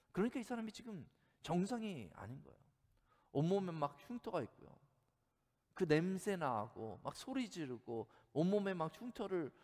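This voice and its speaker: A male pastor delivers a sermon in a chatty, storytelling way and keeps putting questions to his congregation. His slightly high voice rises and falls in a very animated way. The sound carries a long reverb from the church hall. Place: church sanctuary.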